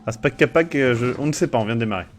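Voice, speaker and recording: A young man chatting through a live game stream at an everyday pitch, loose and profane. He reads bits of text aloud and talks to his viewers. A faint background noise sits under his voice. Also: racing. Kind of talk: casual live-stream commentary.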